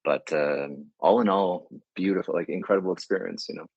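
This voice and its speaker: A man in his thirties from Prince Edward Island, Canada, speaks with a Canadian accent in a low, slightly fast, slightly rough voice with vocal fry. He's a media agency CEO appearing as a podcast guest, answering interview questions casually, thoughtfully, and a bit hesitantly. The audio is dull but has no echo.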